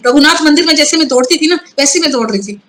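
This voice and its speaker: High-voiced woman recounting a spiritual experience. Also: animated, a bit bright, a little hiss or hum, rough recording. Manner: earnest, halting, with frequent restarts and English words mixed into Hindi. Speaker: guest. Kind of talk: personal testimony in a conversational interview.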